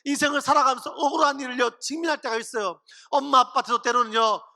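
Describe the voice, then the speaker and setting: A man preaching to teenagers, telling a story in an animated way and acting out the people in it. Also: extremely high pitch, fast, long reverb tail. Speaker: pastor. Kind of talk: youth sermon.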